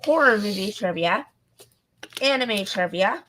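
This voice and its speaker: A woman co-hosting a podcast in casual chat, her voice going hoarse, talking with many ums and likes. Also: medium pitch, expressive, measured pace, a bit bright, a little hiss or hum, low-quality recording. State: losing her voice. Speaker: podcast co-host.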